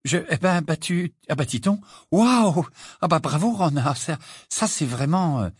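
A man voicing an excitable teenage witch girl in an audiobook, breathless and stammering. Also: a little high, a little slow, husky, no room sound, clean studio sound, pitched above the performer's own voice. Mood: flustered. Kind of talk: audiobook character reading.

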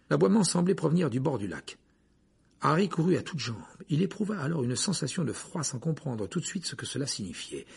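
A man reading a fantasy novel aloud as audiobook narrator, telling it dramatically with hushed passages. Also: mid-range voice. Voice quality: husky, gravelly. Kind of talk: scripted narration.

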